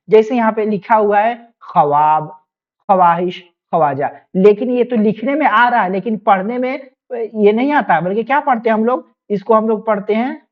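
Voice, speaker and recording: A woman teaching an online exam-prep lesson, explaining patiently and repeating each point with quick questions to her students. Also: mid-range voice, muffled recording.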